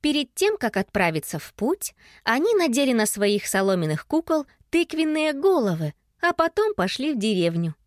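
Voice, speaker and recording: Expressive woman reading a children's story. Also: on the high side, normal speed, no echo, studio quality. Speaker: audiobook narrator.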